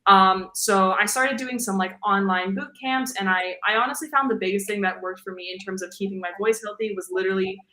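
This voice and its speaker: A young adult woman, a guest singer, chats casually in an interview about singing, her voice deep for a woman yet bright and clear. She talks briskly with hardly any pauses, rambles a little, fills gaps with "like" and "um," and laughs easily. The room echoes.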